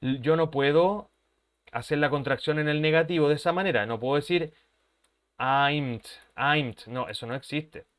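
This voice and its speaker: A man's voice: a little high, fairly quick, clean tone. A man, an English teacher who explains patiently, repeats his points and keeps checking that his students follow. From Chile. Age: 30s. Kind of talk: language lesson explanation.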